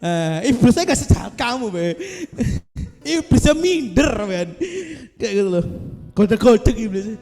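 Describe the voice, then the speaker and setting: A man's voice: sits high, animated, unhurried, hardly any pauses, dark tone, big-room sound. A male pastor, giving a casual, joking devotional talk to a small group over a video call. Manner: joking, chatty, self-mocking.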